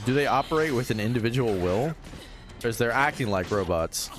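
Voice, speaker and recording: A man's voice: mid-range voice, lively intonation, brisk, soft background music. A man giving casual, sweary reaction commentary as a streamer, with incredulous asides.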